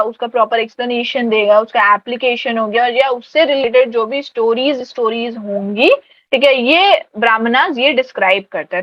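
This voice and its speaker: Woman lecturing for exam prep, highish voice, lots of uh pauses, dull dry audio. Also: no echo. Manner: many fillers and restarts, mixes Hindi and English terms. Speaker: teacher.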